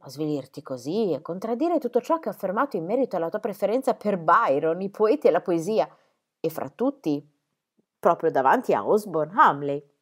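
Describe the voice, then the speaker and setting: A woman voicing a fussy, sharp-tongued middle-aged mother in an audiobook reading, prim and scolding. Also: lowish voice, big pitch swings, normal speed.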